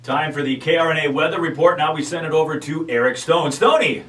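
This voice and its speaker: A man's voice: on the high side, fast talker, fairly bright tone. A man hosting a rock radio show with casual live banter. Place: radio studio. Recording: echoey room, distant mic, faint hum.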